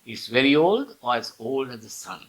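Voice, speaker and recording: A man teaching an English grammar lesson, explaining slowly and repeating key words, with the odd cough. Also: medium pitch, lively intonation, a bit bright, poor audio. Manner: occasional coughs and throat clearing.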